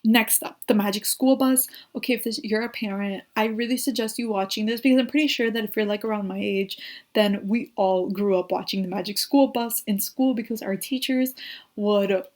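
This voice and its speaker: A woman's voice: medium pitch, moderate pace, a little mellow. Gushing young woman, like-filled chat. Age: young adult. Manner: gushing, says "like" constantly. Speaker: YouTuber reviewing shows. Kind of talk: casual recommendation chat.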